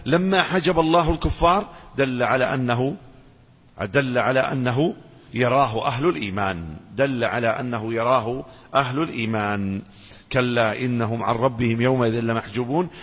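A man teaching a religious lesson. He chants verses slowly, then explains them and asks the audience questions that he answers himself. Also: medium pitch, a bit bright, breathy edge. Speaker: Islamic scholar lecturing. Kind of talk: religious lecture with Quran recitation. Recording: lecture hall with long reverb.

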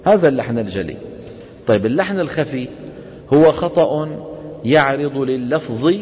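A man's voice: on the high side, very animated, warm tone, dull audio. Man teaching in a reverberant hall. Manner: quizzes students with quick questions and answers. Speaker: Quran recitation teacher. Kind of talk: classroom lecture on tajweed.

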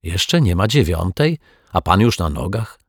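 A man's voice: sits low, sing-song, a little slow, husky, dry recording, clean studio sound, heavily acted. A man doing a jumpy earnest detective. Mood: startled. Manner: startled, stammering. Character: anxious, earnest male detective.

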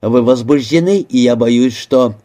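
A man's voice: mid-range voice, a little slow, dark tone, close to an everyday voice. A man doing a soothing, placating village doctor. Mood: coaxing. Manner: soothing, conciliatory. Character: placating middle-aged male village doctor.

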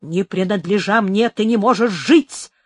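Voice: measured pace, no echo, lightly acted. A narrator voicing an obsessed, violent man who hisses and whispers his threats, in a dramatized audiobook. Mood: menacing. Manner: low hissing whispers breaking into threatening shouts. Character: obsessed, violent young man, passionate and menacing.

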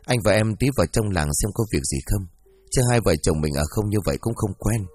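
A young husband speaks plainly and matter-of-factly, as a male storyteller reads him. The voice sits low, with a lively rise and fall. It is an audiobook reading with faint music underneath. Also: fairly quick, husky.

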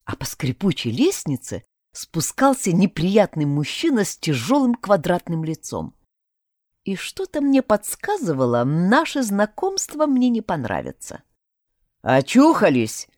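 A woman narrating a first-person fantasy audiobook in an expressive way. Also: medium pitch, a little slow, no room sound, clean studio sound. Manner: expressive, animated.

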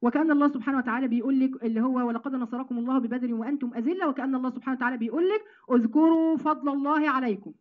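A woman with an Egyptian accent giving an animated Quran lesson to women, addressing them as sisters. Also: high-pitched, narrow, tinny audio. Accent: Egyptian Arabic. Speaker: Quran teacher.

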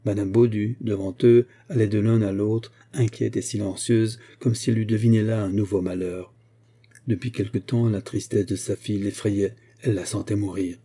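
A man reading a classic novel aloud as an audiobook narrator, in a steady, measured way. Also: on the low side, husky. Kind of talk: scripted narration.

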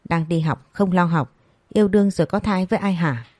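A woman's voice: on the low side, brisk, a little mellow, no echo, natural voice. A woman voicing an angry, scolding middle-aged mother in a storybook reading. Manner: harsh scolding.

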